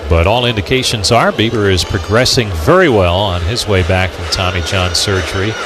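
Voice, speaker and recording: Over music, a deep-voiced American man delivers live radio play-by-play of a baseball game at a moderate pace. Background noise from the outdoor ballpark is clear.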